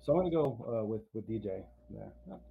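Gravelly low man on a tinny line. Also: big pitch swings. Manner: halting, with many restarts and fillers, teasing. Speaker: co-host. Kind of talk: casual fantasy football chat. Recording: tinny phone-like line with faint noise.

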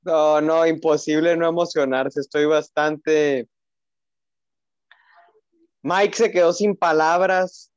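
A man's voice: a little high, fairly even intonation, unhurried, clear, resonant tone, dry recording. A young man co-hosting a football podcast as an emotional fan, chatting casually and repeating his phrases. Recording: roomless dry, slightly dull lo-fi audio.

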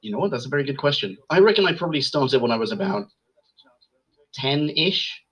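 A man's voice: mid-range voice, big pitch swings, brisk, a bit bright, low-quality recording. A man in his thirties from Sweden, a podcast guest talking in an enthusiastic, self-mocking, casual way. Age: 30s. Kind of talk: casual chat.

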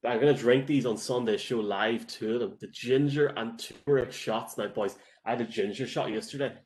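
A man's voice: mid-range voice, fairly quick, darkish tone. An Irish man hosting a sports show in a casual, chatty and enthusiastic way.

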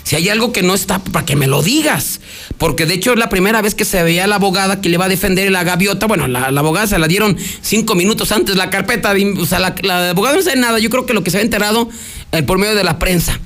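A man's voice: high voice, fast talker, a bit bright. A man with a Mexican Spanish accent hosting news radio, retelling a court hearing in a rambling conversational way, acting out the quotes. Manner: rambling, frequent restarts, acts out quotes.

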